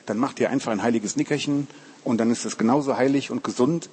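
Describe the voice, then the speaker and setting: A man's voice: mid-range voice, quick pace, darkish tone, husky. A man, a Bible college lecturer, giving a casual, joking sermon to a youth group. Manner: chatty, informal, joking, says "cool" often.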